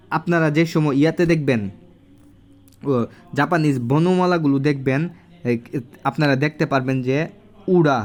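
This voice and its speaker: A man giving a casual handwriting lesson at home, recorded on a phone, slowly repeating each syllable as he writes. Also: on the high side, darkish tone. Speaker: language teacher. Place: home room.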